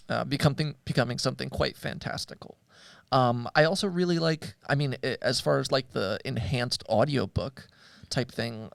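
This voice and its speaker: Hosting a podcast, this man chats about audio dramas with hesitation, groping for the right words. His medium-pitched voice has vocal fry and a fairly bright tone, and the recording is dry.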